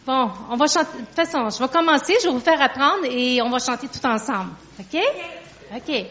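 A woman's voice: high-pitched, a little fast, fairly bright tone, lo-fi sound. A woman missionary addressing a church congregation, chatting, laughing and coaxing them to learn a song.

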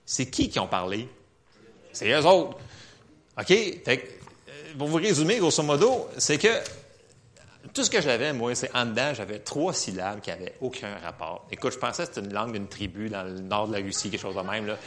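Speaking at a moderate pace in a medium pitch, a Quebec French-accented preacher tells his personal testimony in church, laughing and animated as he tells the story.

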